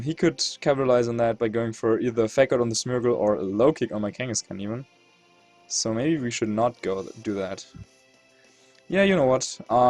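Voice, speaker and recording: A competitive video game player with a German accent hosts his channel, giving casual gameplay commentary and thinking aloud as he weighs his moves. His mid-range voice is a little mellow, with no room sound.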